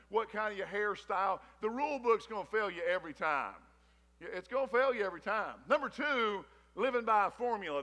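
A man's voice: high voice, pushed and bright. A man in his thirties, a pastor, reading scripture and then preaching a sermon on a church stage with rising energy. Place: large church stage with wood-slat wall. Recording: church hall reverb.

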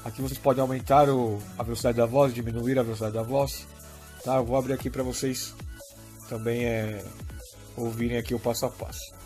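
A man's voice: medium pitch, level tone, a little fast, darkish tone, faint music behind. A Brazilian man demonstrating a phone app step by step, in a casual way with frequent "tá?" and "né?" check-ins. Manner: explains step by step, often checking in with "tá?" and "né?". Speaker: app tutorial presenter.

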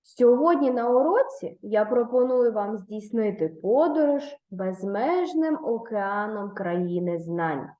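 A woman's voice: mid-range voice, lively intonation, measured pace, few pauses, mellow. A woman teaching a primary school lesson to young pupils, patient and encouraging, praising answers and prompting the next step. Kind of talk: online lesson for third graders. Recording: roomy echo.

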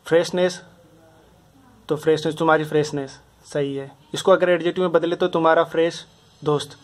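Male grammar teacher, fairly high voice, patient step-by-step repetition. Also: level tone, a little fast. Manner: repetitive, explains step by step with many examples. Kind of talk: casual Hindi lesson explanation.

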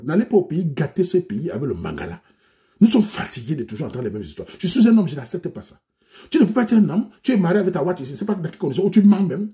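Un homme à l'accent camerounais qui raconte une histoire comique, avec un débit très rapide et une voix un peu haute. Son ton est théâtral et moqueur, et sa mélodie monte et descend sans cesse. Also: male voice, on the high side, dark tone. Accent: Cameroonian French. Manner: théâtral, moqueur, plein d'argot. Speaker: comedic storyteller. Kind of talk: comic storytelling monologue.

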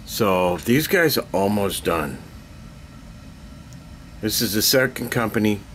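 Slow, deep-voiced older man in basement. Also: lively intonation, a bit bright, slight background noise. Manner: rambling, self-deprecating, frequent throat clearing. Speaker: miniature painting hobbyist. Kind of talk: casual show-and-tell update. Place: cluttered basement hobby room. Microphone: handheld camera.

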